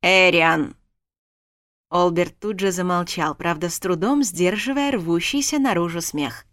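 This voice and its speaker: A woman's voice: on the low side, normal speed, no echo, clean studio sound. A woman narrating a first-person story as an audiobook, reading expressively.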